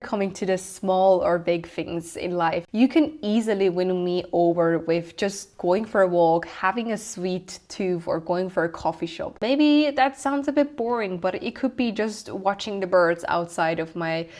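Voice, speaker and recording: In a fairly low voice, a young woman from Switzerland reads a scripted self-introduction for her lifestyle vlog, speaking a little slowly with few pauses. Her Swiss German accent and slightly non-native wording come through in her calm, gentle, reflective delivery.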